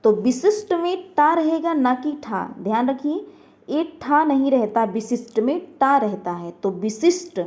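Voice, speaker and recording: Woman, high-pitched, online grammar teacher, asks and answers her own questions. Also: expressive, unhurried, a little mellow. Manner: repeats words and asks herself questions.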